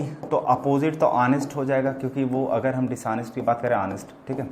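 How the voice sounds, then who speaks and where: A man's voice: mid-range voice, a little hiss or hum. A man in a medium voice gives a vocabulary lesson. He talks in a chatty, repetitive way and keeps turning to his students with affectionate asides. He sounds like a teacher at a board. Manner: chatty and repetitive, addresses students as "beta" and "bachche". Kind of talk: explaining English words in Hindi to students.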